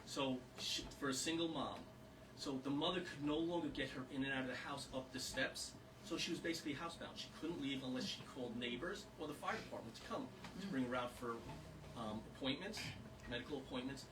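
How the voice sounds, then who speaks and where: Speaking at a fairly quick clip in a mid-range voice, this volunteer addresses a small group in a historic house's modest meeting room, earnest but full of rambling fillers. The informal talk was caught from a distance, with background noise audible.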